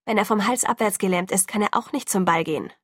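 A woman's voice: mid-range voice, a bit bright, dry recording, studio quality, close to an everyday voice. Woman reading a rambling, wry teenage girl. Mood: chatty, wry. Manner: rambling, hurried chatter.

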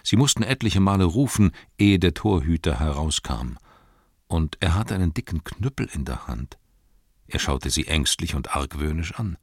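A man narrating an audiobook in a measured, expressive storytelling manner. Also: low-pitched, slightly rough, no echo, clean studio sound.

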